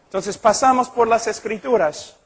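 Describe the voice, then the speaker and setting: A man's voice: sits high, moderate pace. A middle-aged man preaching an impassioned sermon as a pastor, earnest and emphatic as he tells a story.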